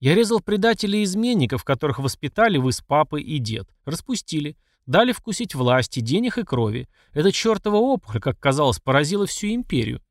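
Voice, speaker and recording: A man's voice: a little high, sing-song, brisk, hardly any pauses, no echo, clean studio sound. A man voicing a furious middle-aged emperor who scolds and accuses his mother. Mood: angry. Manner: angry and accusing.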